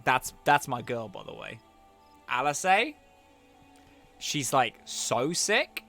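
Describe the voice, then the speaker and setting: A man streaming a game, chatting casually and excitably with lots of swearing. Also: mid-range voice, slow, vocal fry, soft background music. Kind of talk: casual gaming stream chat.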